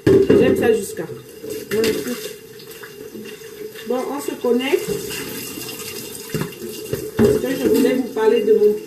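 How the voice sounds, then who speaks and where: A woman's voice: a little high, steady tone, takes it slowly, pauses often, reverberant, background noise. A woman from Cameroon with a Cameroonian French accent, chatting casually with viewers on a live stream while cooking in her kitchen, greeting people by name. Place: home kitchen.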